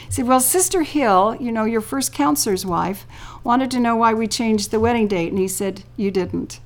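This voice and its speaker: An older woman being interviewed, telling a personal story in a lively way, laughing often and acting out what others said. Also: on the high side, moderate pace.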